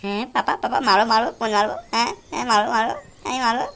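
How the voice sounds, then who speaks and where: A shrill foul-mouthed little boy. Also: level tone, racing, vocal fry, noisy background. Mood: cheeky, taunting. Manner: shrill, brash and insulting. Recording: music behind the voice.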